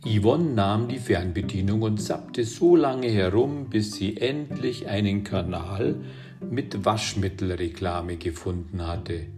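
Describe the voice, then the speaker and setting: A man reading a children's book aloud in a calm, unhurried storytelling manner. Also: lowish voice, music in the background. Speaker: audiobook reader.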